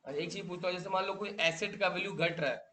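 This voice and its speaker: A man's voice: sits high, fast, a crowd in the background. A male teacher lecturing a class, drilling students with repeated questions and calling them beta.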